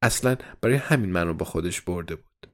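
A man narrating a novel in the first person as a diary, in an even, measured reading. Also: low-pitched. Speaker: audiobook narrator.

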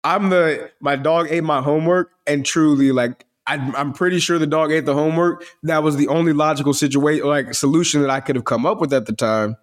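A man's voice: on the high side, fairly even intonation, a little fast, few pauses. A man with a voice that carries, telling stories on a podcast in a loose, rambling way, full of slang and restarts. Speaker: podcast co-host. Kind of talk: casual podcast chat.

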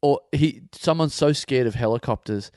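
A man's voice: mid-range voice, normal speed, dry recording. Man, casual podcast co-host, swears freely, laughs easily, dry studio sound. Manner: animated, swearing, laughing often. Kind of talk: casual banter.

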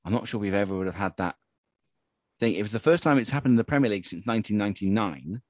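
Low-voiced man in relaxed podcast chat. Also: fast, no echo, clean studio sound. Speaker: podcast panellist. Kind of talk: casual football podcast chat.

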